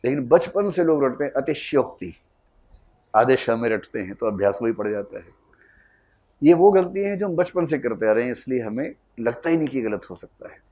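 A man's voice: medium pitch, animated, moderate pace, warm tone. A man teaching a class, quizzing his students, calling them up to answer and dropping amused asides. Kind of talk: classroom lecture.

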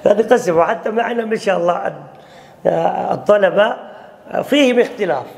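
A man teaching an online grammar class, his voice pitched high and rough with vocal fry. He calls on students by name, breaks off and restarts phrases, and stretches out words slowly when reading from the text. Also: expressive, a little mellow. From Kashmir. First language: Kashmiri. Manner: checks on students by name, halting restarts, slow drawn-out readings.

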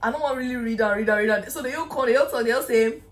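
A young Nigerian woman chatting excitably and emotionally in an unboxing vlog, dropping into pidgin slang. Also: on the high side, racing. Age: young adult. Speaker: vlogger.

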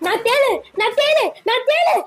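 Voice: very high voice, normal speed, fairly bright tone. A performer voicing a panicky little girl in a cartoon who wails dramatically and thinks she has become a scorpion. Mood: hysterical. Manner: wailing, melodramatic.

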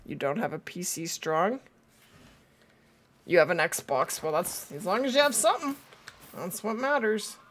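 A woman in her thirties livestreams a game from an indoor setup, her high voice pushed and bright with slight background noise. A cold is straining it and she's losing her voice, but she keeps up casual chatter with both her viewers and the game.

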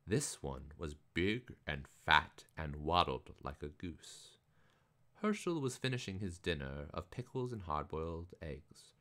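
A man reading a picture book aloud live, in an expressive, theatrical way. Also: very deep voice, measured pace. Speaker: reader.

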